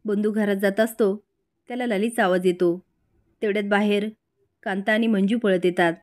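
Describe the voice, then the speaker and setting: A woman narrating a recap of a television serial episode in a brisk, matter-of-fact storytelling manner. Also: mid-range voice, steady tone, a little mellow.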